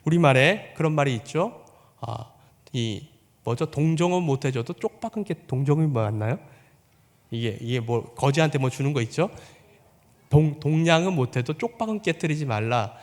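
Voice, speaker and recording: A man's voice: lively intonation, moderate pace, big-room sound. A man preaching a sermon as pastor, putting on the voices of the people in the story and asking his congregation questions. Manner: acts out quoted voices with rising pitch and volume.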